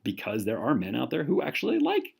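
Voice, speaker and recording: A man lectures with a very lively, swinging pitch, animated and expressive. He slips into quoted voices mid-sentence and corrects himself with quick asides as he explains. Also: creaky, husky. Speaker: teacher. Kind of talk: recorded lecture.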